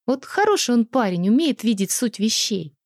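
Woman reader as an excitable, touchy young woman, high-pitched, dry sound. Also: dry recording. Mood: indignant. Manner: excitable, emotional, quick to take offence. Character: tipsy indignant young woman, dramatic and touchy.

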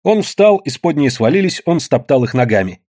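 A man with a fairly high voice narrates an audiobook at a moderate pace, in an expressive storytelling style.

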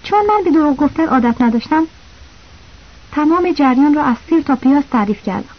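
A woman's voice: high-pitched, animated. A woman narrating a novel as an audiobook, reading the characters' lines in her own voice with small shifts. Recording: slightly dull lo-fi audio.

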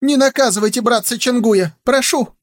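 A man voicing a frightened young fox servant, shrill and pleading, pitched far above his own voice. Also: moderate pace.

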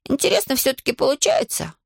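A woman's voice: sits high, huge pitch swings, fast, creaky, no room sound, clean studio sound, pitched above the performer's own voice, heavily acted. Woman doing a whiny lazy schoolboy. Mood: sly grumbling. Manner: whiny, wheedling, feigns weakness. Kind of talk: audiobook character voice.

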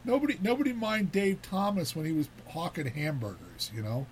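A man's voice: fairly high pitch, expressive, brisk, husky. A man hosting a casual talk show, rambling and repeating words as he talks. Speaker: host.

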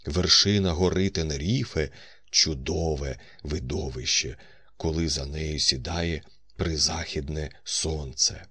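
A man's voice: rumbling low, a little slow, sharp tone, breathy edge, dry recording, full character voice. Man reading as a retired colonel. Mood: recalling. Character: older man, a well-traveled retired colonel.

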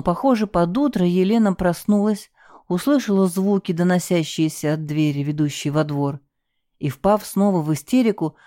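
Brief: expressive woman narrator, first-person story, warm dark voice. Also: on the low side, no room sound, studio quality. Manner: lively, expressive reading. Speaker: audiobook narrator.

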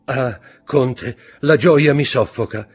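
A man's voice: fairly low pitch, animated, moderate pace, a little mellow, breathy edge, soft background music, pitched above the performer's own voice. A man voicing a pompous older man who poses as a father, grave and stiff. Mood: effusive.

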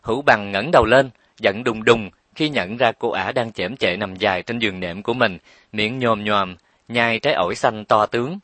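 A man narrating a romance story with steady, expressive storytelling. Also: fairly low pitch, normal speed, no room sound. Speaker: audiobook narrator.

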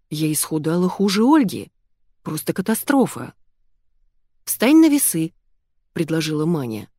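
A woman narrating an audiobook in the first person, in an expressive, wry manner. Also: lowish voice, dry recording, clean studio sound. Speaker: audiobook reader.

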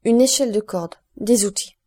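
A woman's voice: medium pitch, moderate pace, warm tone, close to an everyday voice. A woman voicing a humble, talkative male prison guide in an audiobook, speaking eagerly and deferentially. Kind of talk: audiobook character voice.

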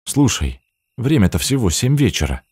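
A man's voice: medium pitch, expressive, normal speed, darkish tone, slightly rough, no echo, pitched above the performer's own voice. A man reading an audiobook, voicing a puzzled, skeptical young man in a questioning tone.

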